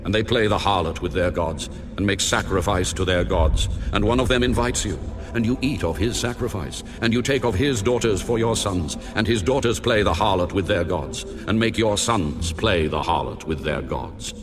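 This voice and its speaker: Man voicing God, deep and commanding. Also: normal speed, hardly any pauses, noisy background, lightly acted. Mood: stern, commanding. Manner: solemn, declamatory, authoritative. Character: God, solemn and commanding divine lawgiver. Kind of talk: dramatized audio Bible acting.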